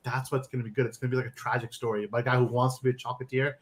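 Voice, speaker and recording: A man's voice: medium pitch, little pitch movement, rapid-fire, crowd noise. A young man hosting a casual movie chat on a stream, joking and chatty with lots of fillers. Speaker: podcast host.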